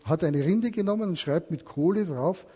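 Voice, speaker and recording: Preacher, male, husky and a touch high, storytelling sermon, questions to the listeners. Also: expressive, normal speed, dark tone. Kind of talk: sermon with a told parable.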